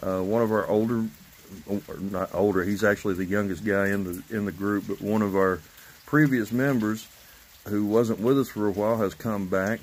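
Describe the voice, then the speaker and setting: A man's voice: on the low side, moderate pace, rough recording. A man in his fifties chatting casually and rambling through a vlog, recorded on a phone on a covered porch outdoors. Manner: rambling, loosely organized. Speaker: vlogger. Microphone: phone at arm's length. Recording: outdoor phone recording with steady background noise.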